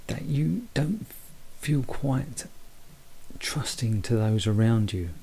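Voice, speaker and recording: A man giving a halting, personal psychic reading, speaking quietly close to the mic as if others are asleep in the house. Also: mid-range voice, lively intonation, creaky, a little hiss or hum. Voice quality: hushed, quiet late-night voice. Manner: speaking quietly so as not to wake sleepers; halting, repeats and rephrases phrases. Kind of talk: unscripted one-to-one spoken reading. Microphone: very close to the mouth.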